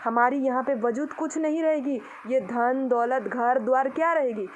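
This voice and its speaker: In an impassioned outdoor vlog, a young woman from Odisha, India, indignantly lectures her critics straight to the camera. She talks at a normal speed in a high voice, and the poor recording has a bit of hiss or hum.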